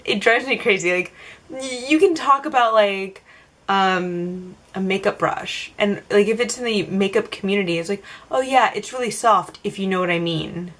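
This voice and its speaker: A woman's voice: medium pitch, fairly bright tone. A young woman vlogger answering random tag questions to the camera in a casual, rambling way, full of "like" and "um". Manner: chatty, filler-heavy, self-answering rambles.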